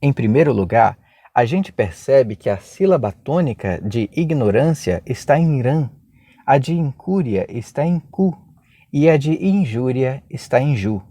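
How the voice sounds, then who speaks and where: A man with a Brazilian accent teaching an exam-prep grammar lesson, asking rhetorical questions and spelling out syllables slowly. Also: mid-range voice, animated, mellow, no room sound. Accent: Brazilian Portuguese. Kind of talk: video lesson.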